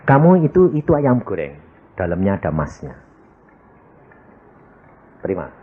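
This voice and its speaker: A man preaching a sermon in with a lilt, telling a story and acting out the other voices with big jumps in pitch. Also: wildly swooping pitch, moderate pace, slightly rough. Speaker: pastor. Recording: phone-like narrow sound.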